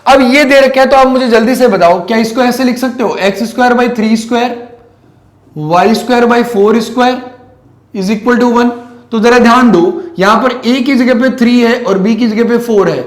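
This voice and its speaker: Male physics teacher, high voice, keeps checking that students follow, echoey room. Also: normal speed. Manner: mixes English math terms into his talk. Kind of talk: classroom lecture.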